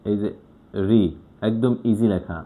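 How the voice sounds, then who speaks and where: Casting note: male teacher, mellow tone, patient and methodical, explaining while writing. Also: fairly low pitch, unhurried. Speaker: Japanese language teacher. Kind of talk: explaining a lesson step by step.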